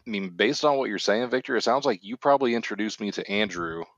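A man's voice: on the low side, fast talker, a bit bright, no echo. A man co-hosting a podcast, chatting casually with a hesitant, filler-laden way of talking. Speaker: co-host. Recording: dry, slightly dull lo-fi sound.

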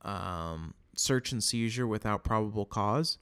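A man co-hosting a podcast, giving examples in casual chat with dry, teasing humor and fillers as he thinks out loud. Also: lowish voice, unhurried, clean tone. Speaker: podcast co-host.

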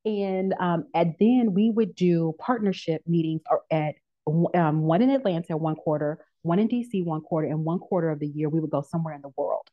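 A woman in her thirties, a podcast guest, tells her story in an animated way, slipping into the voices of the people she quotes. Her voice sits a little low for a woman. The recording sounds dull and lo-fi. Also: brisk. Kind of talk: casual podcast interview. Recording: dull lo-fi audio.

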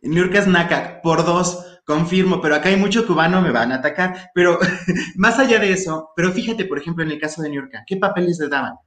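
A man's voice: fairly high pitch, fairly quick, fairly bright tone. A man with a Mexican accent, a guest in a casual chat, opinionated and critical, using local slang. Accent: Mexican Spanish. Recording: echoey room.

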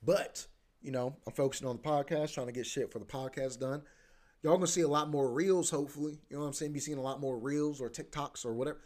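Talking fast in a medium-pitched, slightly mellow voice, a man in his twenties hosts his own podcast. His solo monologue is laid-back and slangy, rambling along with many fillers.

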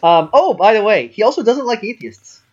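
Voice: mid-range voice, sing-song, brisk, darkish tone, dull audio. A podcast co-host talking casually and hesitantly, with many ums and a wry tone. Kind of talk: casual chat.

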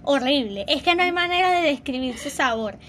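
A young woman with a fairly high voice fires off playful rants in casual chat. She teases her co-host at a quick clip. Faint hiss sits under the recording. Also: expressive, fairly bright tone. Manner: fast, teasing, joking rants. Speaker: podcast co-host.

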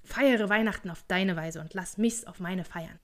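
A woman voicing a grumpy, miserly old man in a storybook reading, with gruff, scornful, slow speech. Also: mid-range voice, close to an everyday voice.

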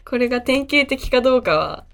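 A woman's voice: high voice, animated, normal speed, creaky, a bit bright, faint music behind. A woman in casual podcast chat, asking curious questions and giving many small replies. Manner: curious, asks questions, backchannels a lot. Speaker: podcast co-host.

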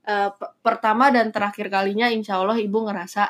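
A woman's voice: mid-range voice, steady tone, fairly quick. Middle-aged mother telling stories. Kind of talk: casual chat.

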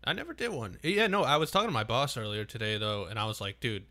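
A man's voice: medium pitch, expressive, quick pace, sharp tone. A man in his late twenties co-hosting a podcast, enthusiastic and upbeat. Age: late 20s. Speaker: podcast co-host. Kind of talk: casual podcast chat.

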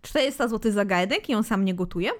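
A woman's voice: medium pitch, brisk. A woman in her thirties co-hosting a podcast, chatting casually and teasingly, with a matter-of-fact way of cutting in. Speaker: podcast co-host. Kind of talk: casual chat.

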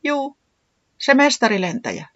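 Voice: medium pitch, big pitch swings, bright, forceful tone, dry recording, highs cut off, pitched above the performer's own voice. A storyteller voicing a shy, easily scared little bird who stammers. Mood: meek. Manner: stammering, frightened.

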